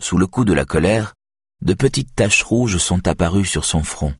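A man reading an audiobook in scripted narration, even and measured. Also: low-pitched, breathy edge, no room sound, studio quality.

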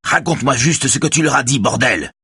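A man reading an audiobook and voicing a furious male crime boss who shouts and swears while interrogating someone. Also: sits low, moderate pace, slightly rough, no room sound, clean studio sound, heavily acted.

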